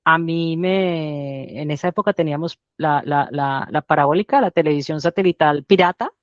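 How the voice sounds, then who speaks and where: A woman with a Colombian Spanish accent, a doctor guest in an interview, telling her story in a lively way with frequent restarts. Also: deep voice, moderate pace, no echo, lo-fi sound. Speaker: guest, general practitioner. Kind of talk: casual interview chat.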